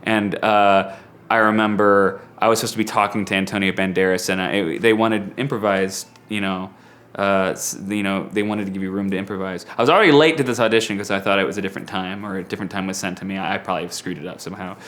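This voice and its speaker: A man with a fairly low voice speaks casually, as an actor being interviewed about his work. His delivery is hesitant and rambling, with a self-deprecating tone. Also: steady tone, quick pace, fairly bright tone. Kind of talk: casual anecdote telling in an interview.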